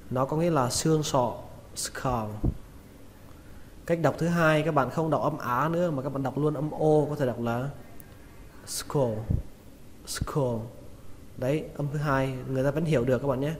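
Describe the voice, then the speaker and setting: A man giving a spoken vocabulary lesson, saying each word slowly and repeating it with care. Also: mid-range voice. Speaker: English pronunciation teacher. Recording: long reverb with faint noise.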